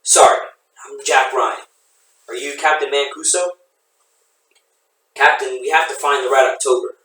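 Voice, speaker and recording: A man's voice: medium pitch, fairly even intonation, a little slow, pushed and bright. A man voicing an earnest young male analyst. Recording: echoey room, voice from a distance.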